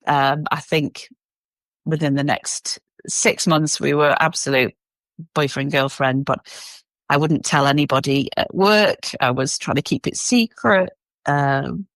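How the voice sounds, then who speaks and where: A middle-aged woman from England, telling a personal story as an interview guest in an animated way with many fillers. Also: deep voice, unhurried, no echo.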